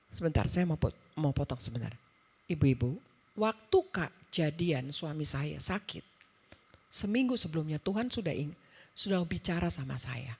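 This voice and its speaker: Husky, low-voiced woman preaching. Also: darkish tone. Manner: conversational storytelling, acts out dialogue, quick asides. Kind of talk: sermon to a women's service. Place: church service.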